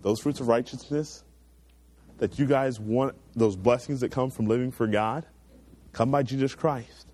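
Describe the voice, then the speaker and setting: A man's voice: mid-range voice, warm tone. A young man preaching a sermon to a youth group, earnest and emphatic, pushing his voice up on key points and then settling into a prayer. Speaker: youth pastor.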